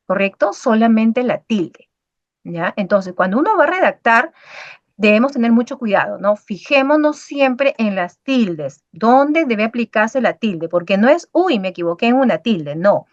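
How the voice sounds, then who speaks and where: A woman's voice: fairly high pitch, sing-song, a little slow, no echo. A woman with a Peruvian Spanish accent teaching a university writing workshop over a video call, repeating key points and checking in with students. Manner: checks in with students constantly, praising chat answers by name; repetitive, emphatic teaching cadence. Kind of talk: online class lecture over video call. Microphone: video call microphone. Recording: dull, dry online-call audio.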